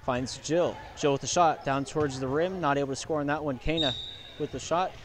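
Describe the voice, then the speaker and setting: Young man, basketball play-by-play commentator, rapid play calling, loud bursts on scores. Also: on the high side, noisy background. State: out of breath.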